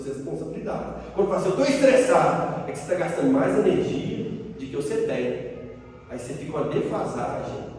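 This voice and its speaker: A man's voice: sits high, mellow. A man with a Minas Gerais accent giving an informal spiritist sermon, telling stories and asking the audience for agreement. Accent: Brazilian Portuguese, Minas Gerais. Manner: chatty, asks the audience for agreement. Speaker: spiritist gospel speaker. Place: spiritist centre meeting hall. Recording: echoey hall, speaker far from mic.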